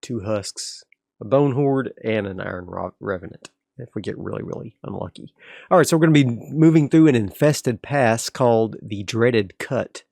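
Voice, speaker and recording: While preparing the next area of a tabletop game he plays alone, a man thinks out loud in a gravelly, mid-range voice. He's laid-back and rambling, with frequent restarts, and the studio-quality recording has no room sound.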